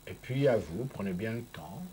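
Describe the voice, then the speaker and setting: A man's voice: on the low side, animated, moderate pace, warm tone, soft background music. A man coaching a patient through voice exercises, patient and encouraging, often checking that he is understood. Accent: French. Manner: patient, encouraging, repeats "vous voyez" often. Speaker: speech therapist.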